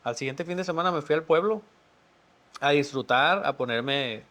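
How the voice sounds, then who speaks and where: A man, a podcast guest telling a personal story in a sincere, emotional, quietly reflective way. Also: fairly high pitch, normal speed.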